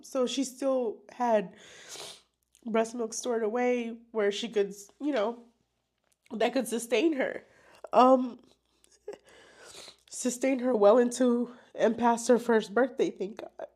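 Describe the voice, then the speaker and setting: A young adult woman vlogger telling a personal story to camera, emotional and halting, with many fillers. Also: a little high, darkish tone.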